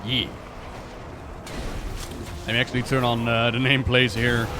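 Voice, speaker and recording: A man streams a game and comments on its lore, rambling and musing aloud playfully. His voice is medium in pitch and level in tone at a moderate pace, with a noisy background of game music and effects.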